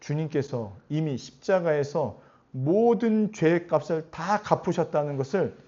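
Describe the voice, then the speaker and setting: A man preaching a sermon as pastor, animated and often putting questions to his congregation. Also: a little high, unhurried. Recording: dull lo-fi recording.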